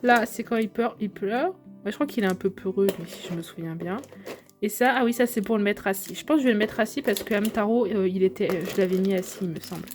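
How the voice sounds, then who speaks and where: A woman's voice: mid-range voice, quick pace, a little hiss or hum. A young woman, chatting to viewers as she unboxes figures, gushing over how cute they are. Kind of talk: casual unboxing vlog.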